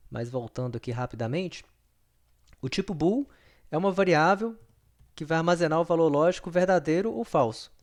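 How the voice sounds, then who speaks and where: In a recorded screen-share lesson on programming, a man teaches patiently and repetitively, frequently checking in with students. His voice is on the high side with a darkish tone.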